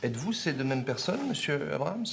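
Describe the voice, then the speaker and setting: An actor playing a formal, suspicious civil service official in an office scene. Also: male voice, on the high side, big pitch swings, fairly quick, creaky, slight background noise.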